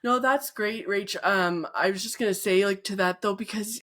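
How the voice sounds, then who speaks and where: A woman's voice: medium pitch, normal speed, fairly bright tone. A woman co-hosting a podcast, chatting in a cheerful, enthusiastic way. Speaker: podcast co-host. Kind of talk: casual chat.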